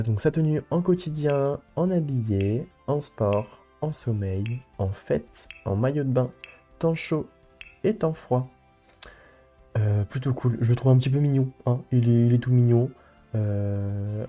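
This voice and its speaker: Young male let's play host, mellow voice, chatty and rambling, light music underneath. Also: medium pitch. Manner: rambling, many fillers and restarts. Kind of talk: casual gameplay commentary.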